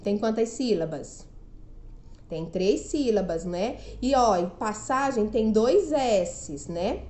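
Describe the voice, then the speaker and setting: A woman's voice: fairly high pitch, darkish tone. Brazilian teacher lady drawing out every word for kids, echoey room. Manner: slow, drawn-out syllables, frequent "não é mesmo?". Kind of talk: remote class lesson for children.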